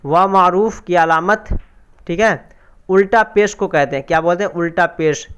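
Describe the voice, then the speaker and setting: Smooth-voiced man teaching grammar. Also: high-pitched, moderate pace, a bit bright. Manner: explains step by step, asks and answers own questions. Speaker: Urdu language teacher. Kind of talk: exam prep grammar lesson.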